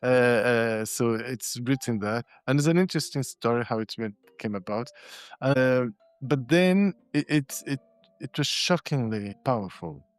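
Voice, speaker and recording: With faint music behind him and no room sound, a Brazilian man in his 60s speaks in an unhurried, medium-pitched voice. As a guest on a casual podcast, this constellations facilitator and shiatsu practitioner reflects on his story, often restarting and repeating words.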